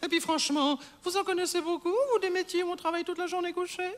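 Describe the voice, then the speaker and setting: Marie-Thérèse Porchet, a man doing a shrill fussy landlady. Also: steady tone, fast. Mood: smug, mocking. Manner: simpering, melodramatic, stammering outbursts. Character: fussy, scheming, overdramatic middle-aged Swiss landlady. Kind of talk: stage comedy sketch.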